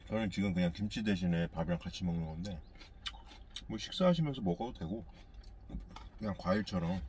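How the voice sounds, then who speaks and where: A man chewing while talking, giving halting, casual commentary on his meal as a truck driver eating in his cab. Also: deep voice, expressive, a little mellow, a little hiss or hum. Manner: halting, filler-heavy, describes food as he eats. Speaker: truck driver mukbang vlogger.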